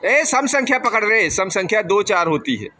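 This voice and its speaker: A man's voice: high voice, animated, moderate pace, bright, forceful tone. A man coaching children through a game, calling out instructions and encouragement. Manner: encouraging, calls out instructions and praise. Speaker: teacher. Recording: clearly noisy outdoor recording.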